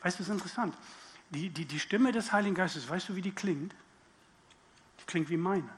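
A man's voice: high-pitched, fairly quick. A man preaching a sermon, speaking directly to his listeners with questions and acting out inner voices. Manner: acts out inner voices in quotes.

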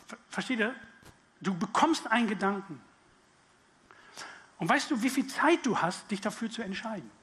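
A man's voice: high-pitched, expressive, normal speed, long pauses, a bit bright. A man preaching a sermon, speaking directly to his listeners with questions and acting out inner voices. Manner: acts out inner voices in quotes.

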